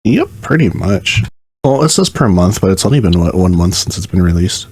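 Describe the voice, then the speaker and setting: Very deep husky man, dry close sound. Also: very animated, brisk, a little mellow, dry recording. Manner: dry joking, laid-back. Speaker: podcast co-host. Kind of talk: casual podcast chat.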